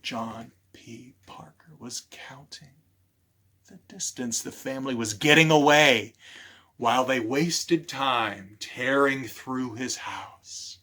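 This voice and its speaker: A man with a medium-pitched voice plays a children's storytime librarian, reading aloud theatrically. He uses dramatic pauses and hushed moments and asks the young listeners questions.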